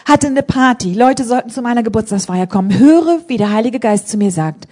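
Woman preaching in church, kinda high husky voice, tells stories all animated and gets loud on the big points. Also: a little fast. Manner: animated storytelling, emphatic, rising to loud appeals. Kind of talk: sermon with personal testimony. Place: church service.

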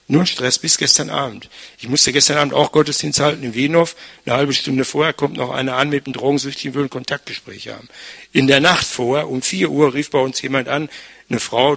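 A man's voice: mid-range voice, gravelly, bright, forceful tone, husky. An older man, a pastor, preaching a conversational sermon, frequently tagging his sentences with "ne?". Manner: chatty, frequent tag "ne?".

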